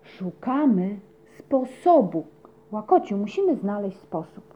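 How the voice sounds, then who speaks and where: A woman's voice: medium pitch, very animated, takes it slowly. Woman doing a curious adventurous girl cat, eager, storybook audio, dull lo-fi sound. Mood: determined. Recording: dull lo-fi recording.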